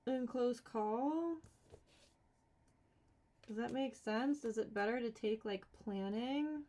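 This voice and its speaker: A woman with a slightly high voice streams a solo board game, talking herself through each move. She counts cards aloud, checks the rules, and tosses in mildly exasperated asides in a casual, unscripted way. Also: slow, dark tone.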